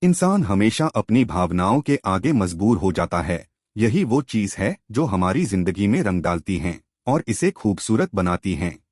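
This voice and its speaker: Husky-voiced man narrating a book summary. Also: fairly low pitch, sing-song, measured pace, darkish tone, dry recording, clean studio sound. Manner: explanatory, addresses listener directly with questions.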